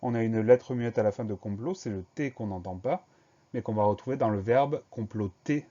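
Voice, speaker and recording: A man teaching a spelling lesson to young pupils, spelling each word slowly, letter by letter. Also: fairly low pitch, warm tone, dull audio. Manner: slow, careful letter-by-letter dictation.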